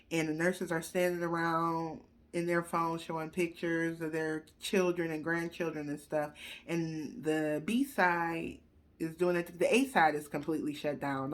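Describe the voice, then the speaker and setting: A young adult woman telling a personal story in a candid, emotional, conversational way, talking straight to her viewers. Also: on the low side.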